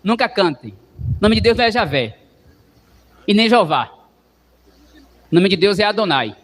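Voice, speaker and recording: A man's voice: high voice, very animated, normal speed, fairly bright tone. A man, a parish priest, preaching a sermon in a teaching way, having the congregation repeat words and often checking with "não é?". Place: church. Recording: long church reverb.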